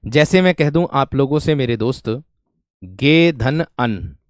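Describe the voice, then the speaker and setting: A man's voice: mid-range voice, lively intonation, a little slow, dry recording, clean studio sound. A man teaching grammar in an online exam-prep class, explaining step by step and repeating each question to his students.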